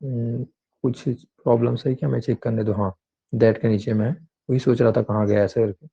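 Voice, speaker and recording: A man's voice: mid-range voice, steady tone, a little fast, gravelly, dark tone, husky, lo-fi sound. A man teaching an English grammar class online, explaining patiently and repeating examples with many fillers.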